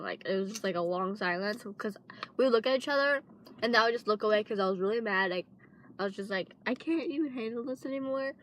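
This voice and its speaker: A woman's voice: mid-range voice, a bit bright, a little hiss or hum. A young woman telling a casual storytime vlog, rambling and full of fillers. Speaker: vlogger.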